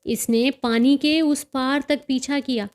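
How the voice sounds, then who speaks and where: In a storybook tale, a woman narrator plays a cheerful teenage dandy who brags with proud, excitable detail about bird fights. The voice is high and slow, and the mood is excited and proud.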